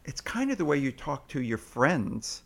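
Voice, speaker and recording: Man, interview guest, explaining patiently, mid pitch, sing-song bits. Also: very animated, moderate pace, vocal fry, slightly rough. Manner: acts out sing-song parent voices. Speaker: parenting expert guest.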